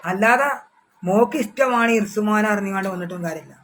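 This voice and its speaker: A man with a Malabar Malayalam accent talks casually to his fans on a livestream, in a voice pitched high for a man. He speaks of himself in the third person, circles back over the same phrases and breaks off words to restart them. A faint noise sits under the voice. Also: fairly bright tone, poor audio. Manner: repetitive, halting, with many restarts. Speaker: social media personality.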